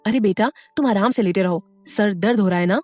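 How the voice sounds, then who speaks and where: A woman voicing an affectionate middle-aged mother who speaks gently. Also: medium pitch, fairly quick, no room sound, faint music behind, natural voice.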